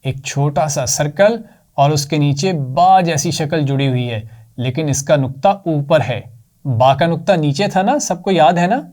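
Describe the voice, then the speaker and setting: A male teacher with a Pakistani accent giving a children's lesson, slowly drawing out each sound and praising often. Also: a little high, darkish tone. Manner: slow, drawn-out repetition with praise.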